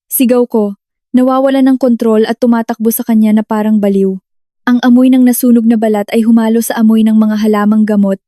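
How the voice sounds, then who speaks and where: A woman narrating a dramatic first-person story in a steady storytelling manner. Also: a little high, no echo, studio quality.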